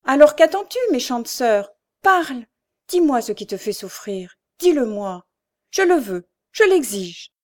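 A woman's voice: a little high, big pitch swings, measured pace, darkish tone. Storybook sister, insistent and urgent, read by a woman. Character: insistent, loving older sister.

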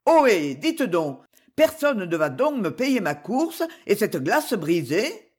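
Brief: a woman playing an aggrieved cabman, blunt and complaining, lively delivery. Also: medium pitch, takes it slowly, slightly rough, heavily acted. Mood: grumbling. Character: grumbling male cab driver, aggrieved. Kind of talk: audiobook character reading.

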